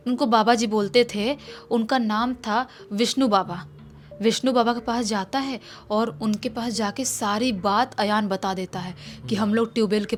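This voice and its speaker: A woman telling a horror story in a casual, conversational way, with restarts and repetitions. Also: medium pitch.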